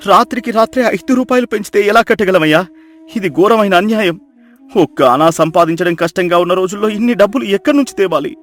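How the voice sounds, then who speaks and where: A man's voice: sits high, fairly quick, faint music behind, natural voice. A man voicing a poor village fisherman in a dubbed cartoon, anxious and pleading. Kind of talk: cartoon dubbing.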